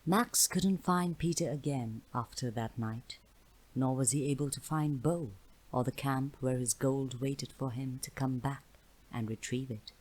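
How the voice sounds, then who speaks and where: A woman with a strikingly low, deep voice reads a dark fantasy story aloud. Her delivery is measured and dramatic, unhurried storybook narration. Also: husky, rough recording. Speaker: audiobook narrator.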